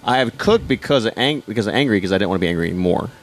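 Very deep-voiced, fast-talking man. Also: lively intonation. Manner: profane, eager storyteller. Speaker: brewery guest. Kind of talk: casual podcast chat. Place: outdoor backyard hot tub.

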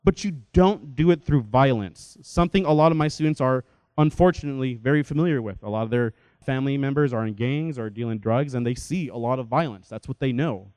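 A young adult man giving a lecture-style talk in a lively, conversational way, often checking in with his listeners. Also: mid-range voice, a little fast, smooth, no room sound. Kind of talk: lecture to an audience.

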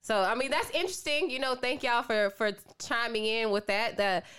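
A woman's voice: on the high side, normal speed, a bit bright, clear, resonant tone. A woman co-hosting a podcast in casual chat, teasing and steering the talk with questions. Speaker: podcast co-host.

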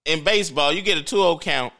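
A man's voice: a little high, quick pace, vocal fry, pushed and bright. A man co-hosting a sports podcast, arguing bluntly and dismissively in casual, profane talk. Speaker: podcast co-host. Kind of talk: heated casual sports debate.

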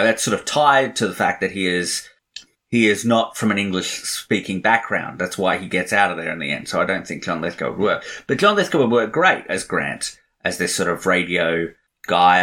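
Low-pitched and pushed, with a bright edge, a man co-hosts a podcast recording. He offers meandering, strongly opinionated movie talk sprinkled with fillers.

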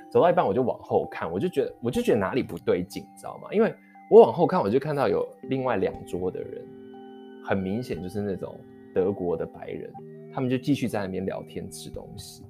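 A man, telling a heated anecdote in a storytelling vlog, quick and rambling with many restarts. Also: lowish voice. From Taiwan. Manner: animated, heated retelling of an anecdote. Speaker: vlogger. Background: faint guitar music.

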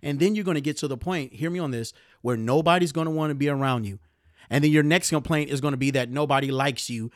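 Animated man giving podcast career advice. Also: a little high, fast talker, no room sound, studio quality. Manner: animated, gets riled up, mimics complainers. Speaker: podcast host. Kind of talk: motivational podcast talk.

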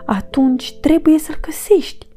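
A woman's voice: high voice, mellow, in a whisper, soft background music, voice pushed up, lightly acted. A woman voicing a friendly, playful young female fox who coaxes and reassures. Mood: coaxing.

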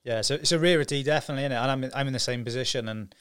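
Host talking quick, matey, swears a bit, smooth clean voice. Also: male voice, mid-range voice, fairly bright tone. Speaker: podcast host. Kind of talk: casual interview chat.

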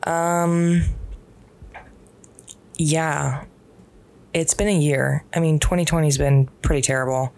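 A young woman hosting a casual solo podcast from bed at home, talking in a relaxed, rambling way with many fillers. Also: low voice, slow pace, long pauses. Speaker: podcast host. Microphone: podcast microphone.

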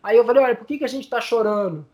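A man speaks in a fairly high voice, telling stories to an interviewer. He sounds tearful and choked up. He stumbles, repeats words and fills his pauses as his voice breaks. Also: a little mellow. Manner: many fillers, repeats words. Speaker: guest, community news group founder. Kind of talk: emotional storytelling in interview.

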